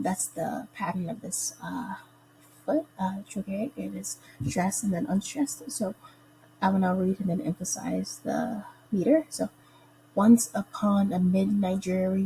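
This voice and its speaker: Young woman explaining poetry meter, mellow. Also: mid-range voice, slight background noise, poor audio. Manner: careful, slows down to sound out stress patterns. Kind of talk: explanatory lesson narration.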